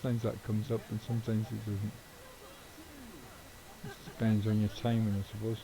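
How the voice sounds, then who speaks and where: A man's voice: on the low side, monotone, moderate pace, vocal fry, a crowd in the background, low-quality recording. A middle-aged man streaming a game, chatting casually in a rambling way with offhand swearing. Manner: rambling, swears casually, chuckles at own jokes. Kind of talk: casual live-stream chat while gaming.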